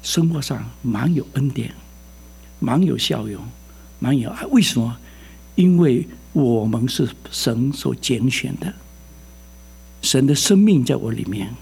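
Gravelly, husky-voiced male preacher. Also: mid-range voice, a little slow, pauses often. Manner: lively, quizzes the congregation with rising questions. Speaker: pastor. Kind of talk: sermon.

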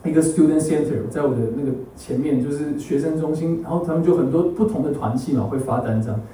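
Male preacher, quick and slightly high, warm dark tone, mixes in English, echoey church hall mic. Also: far from the mic, slight background noise. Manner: drops English words into his Mandarin; animated storyteller who keeps asking the congregation for agreement. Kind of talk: sermon with personal testimony.

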